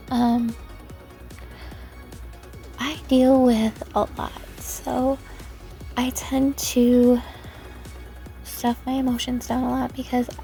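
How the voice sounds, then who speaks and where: A woman hosting her own podcast, talking hesitantly and softly about her personal life, with many pauses and restarts. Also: on the high side, vocal fry. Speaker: podcast host. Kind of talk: personal reflective podcast talk.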